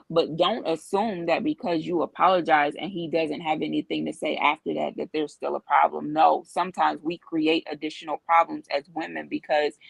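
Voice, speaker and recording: A woman in her thirties talks through personal stories and frank relationship advice. Her voice sits a little low with a gravelly fry. The recording is close and dry. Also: no room sound, rough recording. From Cincinnati area. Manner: candid, storytelling, earnest advice. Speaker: co-host.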